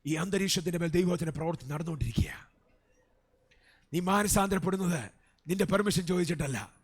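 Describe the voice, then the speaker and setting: A Malayali pastor preaching with a fairly high-pitched male voice. He drops to soft asides, then climbs to loud shouted peaks. Amens and hallelujahs fill every pause. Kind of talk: sermon. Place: church service.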